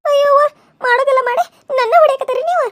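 A woman doing a sobbing, very high-voiced village wife. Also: quick pace. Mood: tearful. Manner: wailing, sobbing reproaches. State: crying. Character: wronged young pregnant village wife, tearful and bitter. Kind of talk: cartoon serial voice acting.

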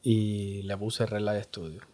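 A man from Cuba with a Cuban Spanish accent, a music producer speaking as a guest in a relaxed interview, often tagging "¿entiendes?". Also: on the low side, breathy edge. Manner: slow, laid-back, repeats "¿entiendes?". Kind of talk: casual interview.

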